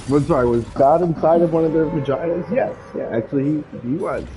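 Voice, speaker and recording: A man's voice: fairly high pitch, normal speed, background noise. A young adult man in casual chat while gaming, cracking crude jokes and laughing often. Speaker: gamer.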